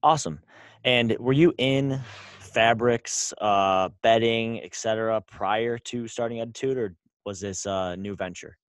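A man's voice: on the low side, unhurried, clear, resonant tone, no echo. A man hosting an interview, upbeat and encouraging, asking his guest short questions. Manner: upbeat, keeps saying awesome. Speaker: interview host.

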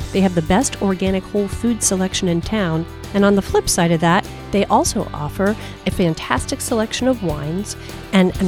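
A woman's voice: medium pitch, a little mellow. Woman, podcast co-host, enthusiastic ad read, faint music. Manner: enthusiastic, promotional reading. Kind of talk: casual chat and read sponsor ad.

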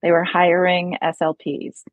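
A woman's voice: on the low side, completely flat delivery, measured pace, no room sound, narrow, tinny audio. A woman with an upstate New York accent, a speech therapist chatting as a guest in an interview, laughing often and using many fillers. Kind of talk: conversational interview.

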